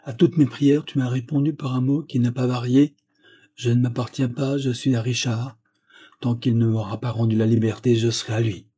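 A man's voice: mid-range voice, steady tone, moderate pace, dark tone, slightly rough, natural voice. Man reading as a pleading old grandfather. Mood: earnest. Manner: earnest, tender entreaty.

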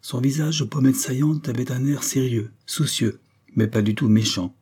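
A man reading a literary audiobook with measured, grave storytelling. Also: medium pitch, a little mellow, husky. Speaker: audiobook narrator.

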